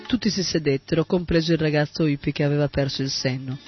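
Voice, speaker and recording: A man reading a devotional story as narrator, in a steady, measured way. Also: on the high side, faint music behind. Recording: dull, muffled recording with faint sitar.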